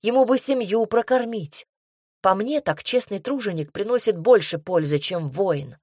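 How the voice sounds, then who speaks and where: A woman narrating a first-person fantasy audiobook in the voice of an indignant, sharp-tongued heroine. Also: medium pitch, moderate pace, slightly rough, no room sound, studio quality.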